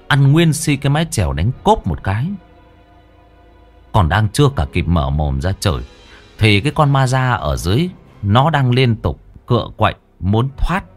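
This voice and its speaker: A man narrating a ghost story in a dramatic storytelling manner. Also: lowish voice.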